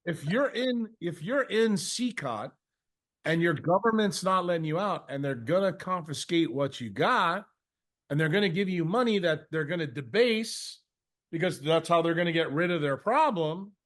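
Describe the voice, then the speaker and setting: Leading a question session, a man with a fairly high, lively voice speaks at a moderate pace with a slightly bright tone. Answering off the cuff, he is blunt and confrontational, swearing freely and scolding through rhetorical questions and mocking imitations.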